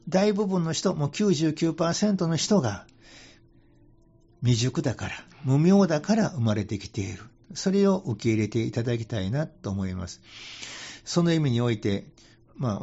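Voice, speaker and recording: A man with a Kansai accent talks about Buddhist teaching in a relaxed, folksy way, chuckling now and then and dropping into dialect for emphasis. His voice is breathy and husky, and the radio recording sounds dull and lo-fi. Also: fairly high pitch. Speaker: Buddhist temple head priest, radio guest.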